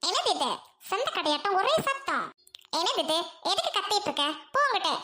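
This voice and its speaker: A woman's voice: very high voice, very animated, a little fast, bright, forceful tone, pitched above the performer's own voice, full character voice. A woman playing a haughty rich young woman who scorns her poor brother, with a mocking, whiny manner. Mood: scornful. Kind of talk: family drama skit.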